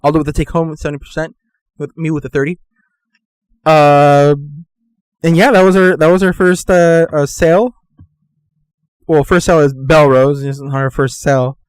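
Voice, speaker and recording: A man's voice: on the high side, flat delivery, normal speed, long pauses, smooth, dry recording. A young man hosting a casual podcast, rambling with lots of fillers and restarts. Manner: rambling, filler-heavy, laughs easily. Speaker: podcast host. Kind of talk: casual chat.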